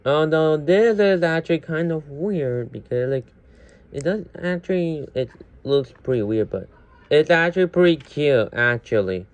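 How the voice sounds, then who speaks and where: A man giving a casual, unscripted toy review, rambling with many fillers and restarts and getting loud at times. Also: a little high, animated, a little slow, dull audio. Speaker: Lego reviewer. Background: faint household noise.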